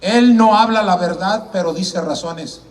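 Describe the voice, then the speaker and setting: Casting: evangelist, high tenor, shouting revival preacher, mic set back in the hall. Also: male voice, unhurried, recorded from a distance. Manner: fervent preaching, often shouting, swings from loud to hushed. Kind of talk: evangelistic sermon. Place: church or campaign hall.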